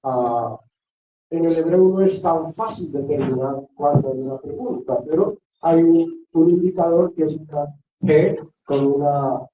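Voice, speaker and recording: A pastor teaches a Bible workshop as a classroom lecture, repeating rhetorical questions to his students. His fairly high voice is a little slow, with a slight hiss or hum. The sound is echoey, picked up by a distant, dull lo-fi mic.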